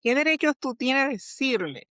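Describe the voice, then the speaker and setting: A woman explains her field as an interview guest, with a somewhat high voice. She teaches as she talks, piling up rhetorical questions. The recording is dry and close. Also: big pitch swings, normal speed, bright, forceful tone, no echo. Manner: didactic, many rhetorical questions.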